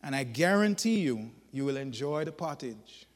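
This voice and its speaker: A man preaching a sermon, telling folksy stories in an animated, emphatic way. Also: medium pitch, moderate pace, long reverb tail.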